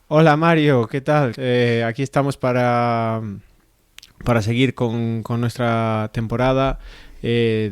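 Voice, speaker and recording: A man's voice: medium pitch, darkish tone, clear, resonant tone, no room sound. A man co-hosting a chat show, talking in an upbeat, rambling way over a video call. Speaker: co-host. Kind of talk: casual interview chat.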